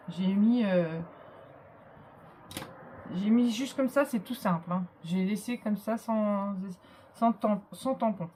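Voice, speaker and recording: There's slight background noise as this woman, mid-range in pitch and suffering from a cold, walks through her handmade album show-and-tell. Her delivery is halting, packed with fillers and little "hop" interjections.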